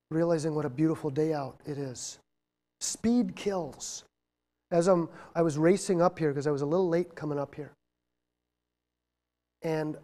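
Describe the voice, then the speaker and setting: A middle-aged man giving a motivational leadership talk to students. He swings between loud, emphatic points and quiet, reflective asides, with jokey, self-deprecating humor. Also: fairly high pitch. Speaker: guest speaker on leadership. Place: university lecture room.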